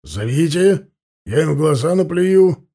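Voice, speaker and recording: Guy reading a grumpy robber, gravelly and husky, swinging all over in pitch. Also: animated, unhurried, mellow, exaggerated voice. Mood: defiant. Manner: blustering, indignant. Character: rough peasant robber, defiant and hot-tempered.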